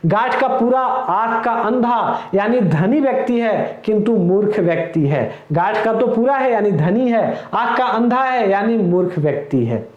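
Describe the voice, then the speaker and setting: High-voiced man teaching in an echoey room. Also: animated, unhurried, hardly any pauses, highs cut off. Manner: explains each idiom with everyday example sentences; addresses viewers as friends. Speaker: exam prep teacher. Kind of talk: recorded lecture.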